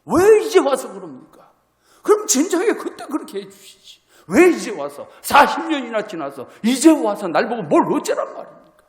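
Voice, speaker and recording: A man's voice: a little high, sing-song, moderate pace, voice pushed down. A man preaching, voicing Moses as a reluctant older man who protests in exasperation. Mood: protesting. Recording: echoey hall with long reverb.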